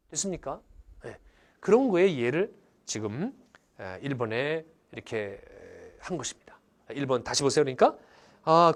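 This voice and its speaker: Animated male teacher, fairly high voice, swings all over in pitch, theatrical examples, quizzes the class. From Korea. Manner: lively, theatrical, asks the class questions often. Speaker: English grammar teacher. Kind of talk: animated lecture with acted-out examples.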